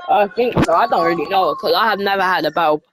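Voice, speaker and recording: A woman's voice: fairly low pitch, fast, music in the background. A woman gaming with a friend and talking casually over a headset, chatty and goofy. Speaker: gamer. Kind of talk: casual voice chat while gaming.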